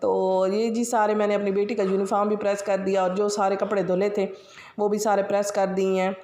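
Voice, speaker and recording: A woman from Pakistan narrates her household routine as a vlogger, speaking a little fast in a Pakistani Punjabi accent. Her medium-pitched voice is level and darkish, roughened by a sore, scratchy throat, and the sound is roomy. Chatty and rambling, she leans on fillers throughout this casual daily-routine voice-over.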